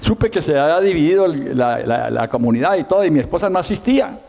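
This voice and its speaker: A man's voice: a little high, lively intonation, fast, gravelly, dark tone. A middle-aged man, a pastor preaching a sermon, telling his story with emphasis and self-mocking humor. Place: church hall with long reverb. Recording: long hall reverb.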